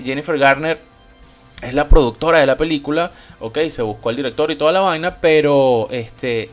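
Slangy Venezuelan man, a bit high. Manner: rambling, slangy and profane, many fillers. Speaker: podcast host reviewing a film. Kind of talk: casual chat.

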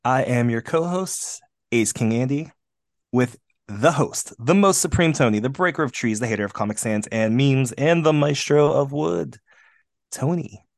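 A man's voice: mid-range voice, moderate pace, vocal fry, no echo, studio quality. A man co-hosting a podcast, chatting casually in a rambling, self-deprecating way, often laughing. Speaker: podcast co-host. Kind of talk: casual chat.

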